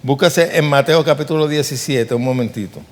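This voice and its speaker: A man delivers a sermon with earnest emphasis, fairly quickly and at an ordinary middle pitch, repeatedly putting rhetorical questions to his listeners. The long reverb of a large church hall rings around his voice.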